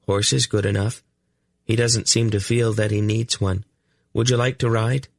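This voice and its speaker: A man voicing a calm, polite young boy in an audiobook, speaking earnestly. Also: fairly low pitch, moderate pace, vocal fry, no echo, voice pushed up.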